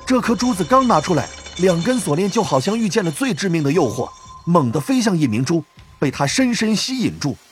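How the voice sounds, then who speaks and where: A man narrating a novel audiobook in a dramatic, expressive storytelling manner. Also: high voice, fairly quick, faint music behind.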